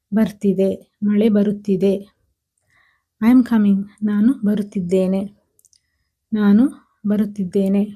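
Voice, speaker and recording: Slow, dark-voiced woman teaching phrases. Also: medium pitch. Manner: says each phrase twice, slowly and patiently. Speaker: language teacher. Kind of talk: slow, repetitive language lesson.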